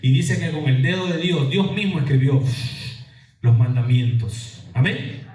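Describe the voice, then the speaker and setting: High-voiced preaching man in echoey hall. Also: a little slow, darkish tone. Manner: preaching with call-and-response questions. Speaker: pastor. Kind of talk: sermon. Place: church hall. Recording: echoey church hall from far off.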